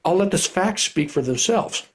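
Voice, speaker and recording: A man's voice: high voice, animated, normal speed, breathy edge. Earnest retired cop telling his story. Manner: rambling, earnest, self-correcting restarts. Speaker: guest, retired police officer and author. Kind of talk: candid conversational storytelling.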